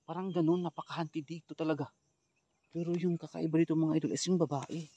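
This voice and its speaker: High-voiced man narrating a suspenseful vlog. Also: steady tone, fast, warm tone, a little hiss or hum. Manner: speaks directly to viewers, suspenseful and wary. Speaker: ghost hunter vlogger. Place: forest outdoors.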